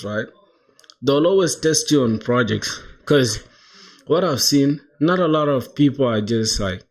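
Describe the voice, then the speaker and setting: A man in his twenties from South Sudan, chatting casually on a coding live stream, dropping "bro" into nearly every line and reading chat aloud. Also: on the low side. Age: 20s. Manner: slangy, says "bro" constantly, laughs, reads chat aloud. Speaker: livestreamer coding toward a job.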